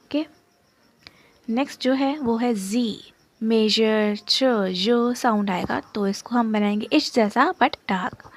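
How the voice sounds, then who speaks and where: A woman's voice: a little high, slow. A woman teaching a shorthand lesson step by step, patiently repeating terms and checking in with "okay?" as she writes. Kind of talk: step-by-step lesson while writing.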